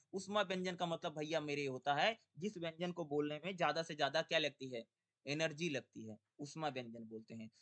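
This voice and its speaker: A young man teaching an exam-prep lesson, asking rhetorical questions and answering them himself, and drawing syllables out slowly in his drills. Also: fairly high pitch, a bit bright.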